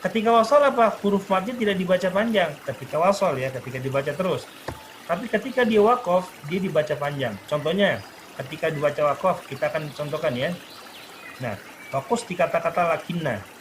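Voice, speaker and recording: A man with a slightly raised pitch teaches Quran recitation in a recorded lesson. He explains a rule, then slowly recites example verses to show it. Water pours and trickles clearly behind him. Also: lively intonation, slight background noise.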